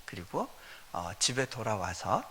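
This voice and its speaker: Bright-voiced man preaching in a reverberant church. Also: on the low side, very animated, measured pace, a little hiss or hum. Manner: conversational, acts out quoted dialogue, chuckles between points. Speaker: missionary preacher. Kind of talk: storytelling sermon at a revival meeting. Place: church sanctuary. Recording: long reverb of a church hall.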